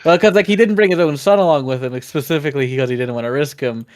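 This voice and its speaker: A man's voice: fairly high pitch, very fast, a little hiss or hum. A man casually explaining his character as a player in a tabletop role-playing game.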